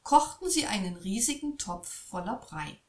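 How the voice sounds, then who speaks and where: A woman reading a fairy tale aloud in a slow, expressive storytelling voice. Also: mid-range voice. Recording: echoey room.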